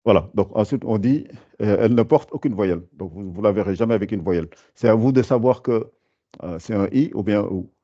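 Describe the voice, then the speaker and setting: A man's voice: on the low side, fairly quick, mellow, muffled recording. A man teaching a lesson, explaining patiently with many fillers and restarts. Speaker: Quran recitation teacher.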